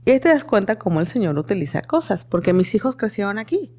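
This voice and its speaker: A woman's voice: medium pitch, big pitch swings, fast talker, warm tone. A middle-aged woman, a podcast guest, earnestly telling her story in a conversational interview, with many fillers.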